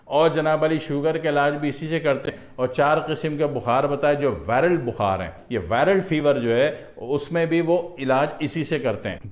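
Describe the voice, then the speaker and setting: A man's voice: fairly high pitch, reverberant. A man in a casual, chatty health talk about herbal remedies, repeating his points and tossing in joking asides.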